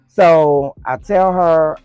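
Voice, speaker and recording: A woman's voice: low voice, drawn-out words, mellow, smooth, no room sound, soft background music. A woman telling a personal story to her viewers in a casual, chatty way, calling them girl and y'all. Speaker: storytime vlogger.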